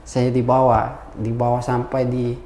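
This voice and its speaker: A man's voice: mid-range voice, measured pace. A young man, telling his life story as an interview guest and acting out the voices of the people in it. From Ambon. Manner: animated, acts out quoted voices. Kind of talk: personal testimony storytelling. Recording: echoey room.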